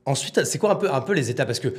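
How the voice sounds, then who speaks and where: A man's voice: medium pitch, lively intonation, fast. A man hosting a podcast who asks loose, rambling questions in a casual interview. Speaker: podcast host.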